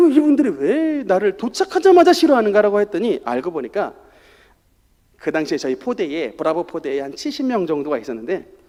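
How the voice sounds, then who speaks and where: A middle-aged male pastor delivers a Sunday sermon and tells his story with animated, swinging intonation. His voice sits high for a man and jumps around a lot. The sanctuary adds a long, hanging reverb. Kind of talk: sermon with personal testimony. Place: church sanctuary. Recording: church hall reverb.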